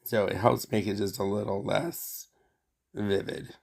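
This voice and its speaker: Congested man with a low, gravelly voice. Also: fairly even intonation, measured pace, darkish tone. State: sick with a cold or sinus infection, stuffy nose. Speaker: art tutorial host. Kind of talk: casual unscripted craft narration.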